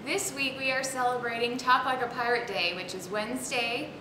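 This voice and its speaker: A woman's voice: a little high, steady tone, moderate pace. A woman co-hosting a casual library video blog, upbeat and teasing. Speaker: teen librarian, co-host. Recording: echoey room with hum.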